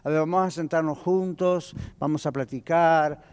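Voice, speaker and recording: A man's voice: fairly high pitch, fairly even intonation, normal speed, a little mellow, clear, resonant tone. A male pastor teaching a Bible lesson in a conversational way, putting questions to his congregation. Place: church hall. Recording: long church hall reverb.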